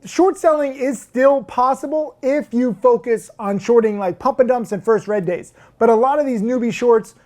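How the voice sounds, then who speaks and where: This man, a stock trading teacher, speaks to camera at a moderate pace with few pauses and a very high pitch. His casual talk is brash and emphatic, growing loud and heated, full of crude jokes and repeated "um" and "like".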